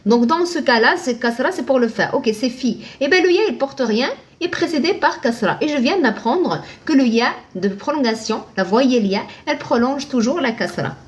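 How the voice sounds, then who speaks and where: Woman, high voice, patient live online teacher who quizzes and answers herself. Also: animated, moderate pace, hardly any pauses. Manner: patient, asks and answers her own questions, thanks viewers by name. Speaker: Arabic reading teacher.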